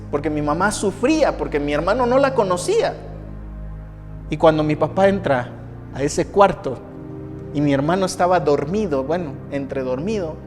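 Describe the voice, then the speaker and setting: A pastor with a high voice delivers a sermon, repeating phrases for emphasis as he tells a personal testimony. His voice rings with the long reverb of a church hall, and soft music plays faintly underneath. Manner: emphatic, repeats phrases for effect, acts out quoted people.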